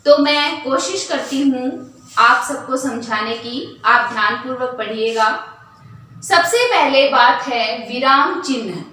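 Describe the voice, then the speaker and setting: A woman's voice: high voice, slow, pushed and bright. A woman teaching a lesson, asking questions and then answering them herself. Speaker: Hindi teacher. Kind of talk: classroom lesson. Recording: echoey room from far off, faint hiss.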